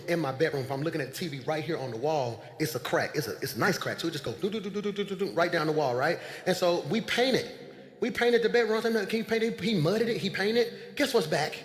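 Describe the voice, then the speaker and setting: A man preaching a sermon as pastor, swinging between shouted calls and low confiding asides. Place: large church sanctuary. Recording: echoey church hall.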